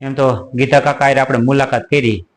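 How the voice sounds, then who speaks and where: A man's voice: medium pitch, fairly even intonation, brisk. Laughing rustic storyteller man. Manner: chatty, laughing, rustic banter. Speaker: comic storyteller. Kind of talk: rustic village comedy storytelling.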